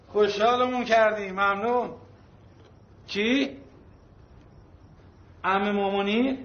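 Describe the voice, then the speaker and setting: A man's voice: high voice, fairly bright tone, lo-fi sound. An actor playing a harried middle-aged father who is effusively polite and pleading with his family. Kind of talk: comedy film acting.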